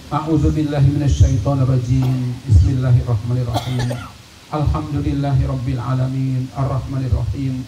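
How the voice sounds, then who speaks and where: A man's voice: mid-range voice, mellow. Man leading a prayer in an echoey hall. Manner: slow, repetitive supplication with frequent "ya Allah". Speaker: prayer leader. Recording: echoey, distant, dull and noisy hall recording.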